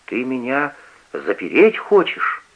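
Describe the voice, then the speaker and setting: A man's voice: mid-range voice, huge pitch swings, slow, pitched above the performer's own voice, full character voice. A man voicing a defiant, stubborn young son who pleads and protests, on a dull lo-fi radio recording.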